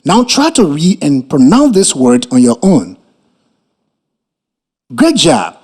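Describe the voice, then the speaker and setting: A man teaching a scripted reading lesson, spelling words out letter by letter, sounding them out and pausing for pupils to repeat. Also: fairly high pitch, wildly swooping pitch, a little mellow, husky.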